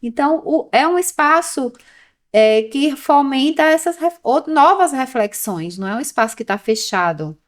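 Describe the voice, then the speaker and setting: A woman's voice: sits high, expressive, normal speed. A woman, the museum's director, explaining her collection in a thoughtful way during a casual podcast conversation and often adding "né?" at the end of a point. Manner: thoughtful, explanatory, with frequent "né?" tags.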